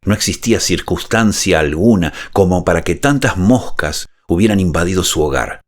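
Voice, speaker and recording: A man narrating a scripted suspense horror story in a measured, dramatic way, speaking intimately close to the ear. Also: low-pitched, expressive. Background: music behind the voice.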